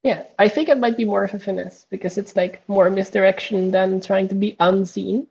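A woman player in a tabletop session talks things through casually, with frequent pauses and fillers. Her voice has a gravelly, creaky edge, and the recording sounds dull and lo-fi. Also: mid-range voice, steady tone, a little mellow. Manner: hesitant, lots of fillers. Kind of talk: casual chat while playing.

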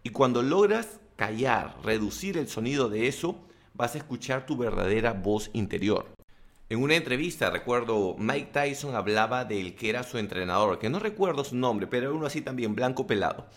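A man talks straight to camera, handing out self-help tips. He is blunt and slangy, with animated asides. His voice sits at an ordinary mid pitch. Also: moderate pace. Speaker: self-help vlogger and coach. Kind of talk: motivational talking-to-camera monologue.

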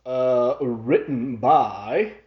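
Slow-talking laid-back man. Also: medium pitch. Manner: laid-back, chuckling, trailing off with fillers. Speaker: podcast co-host. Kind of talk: casual chat. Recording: dull lo-fi podcast audio.

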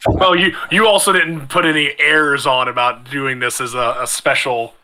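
Bright, sharp-voiced man running a tabletop game. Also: medium pitch, steady tone, normal speed, poor audio. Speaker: game master and show host. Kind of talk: casual tabletop game banter and narration.

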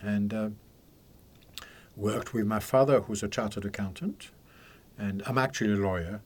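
Older male guest in his 70s, from Algeria and France, low voice, rambling and laughing as he chats in a studio. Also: moderate pace. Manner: chatty, rambling storyteller with frequent laughs. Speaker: guest, psychic counsellor. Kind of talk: casual interview chat. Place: podcast studio.

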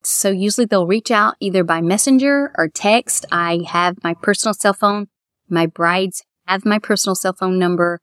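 A middle-aged woman with a Kentucky accent speaks in an easy, chatty way, sounding heartfelt as she talks. Her voice sits at a middle pitch, and it is recorded dry and close, with no room echo. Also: normal speed. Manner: chatty, heartfelt, quotes others in lively voices. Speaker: bridal shop owner and dress designer. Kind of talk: casual interview.

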